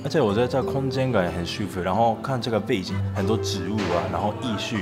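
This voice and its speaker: A man's voice: lowish voice, fast, over loud music. A young man from Japan, a native Japanese speaker, chatting casually in Japanese-accented Mandarin as a vlogger. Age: young adult. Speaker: travel and food vlogger. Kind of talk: casual vlog chat.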